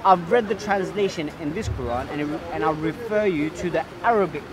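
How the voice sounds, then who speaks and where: A young man from Bangladesh defending his view in a heated outdoor debate, talking fast with stumbling restarts. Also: a little high, expressive. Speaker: debate participant. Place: outdoor park by a kiosk, city crowd. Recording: outdoor crowd noise. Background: crowd chatter.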